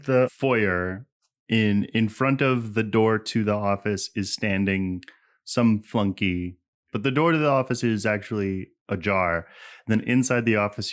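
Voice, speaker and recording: A man with a fairly low voice narrates as game master, describing scenes in a relaxed, unhurried way. He calls for dice rolls between stretches of description.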